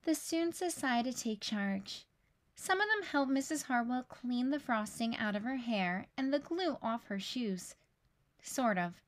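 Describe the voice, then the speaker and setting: With a fairly high-pitched voice, she reads a kids' picture book aloud, performing it in a lively storytelling manner.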